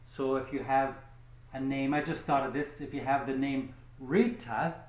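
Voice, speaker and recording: A man teaching English pronunciation in a slow, patient lesson, often checking in with "okay?" and stretching out the example words. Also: medium pitch, steady tone, reverberant.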